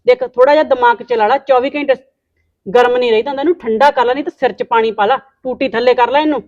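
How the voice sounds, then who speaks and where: An actress playing a bossy landowning woman in a Punjabi short film, scolding with quick retorts, with a Punjabi accent. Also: fairly high pitch, fairly even intonation, no echo, phone-quality sound, lightly acted. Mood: lecturing.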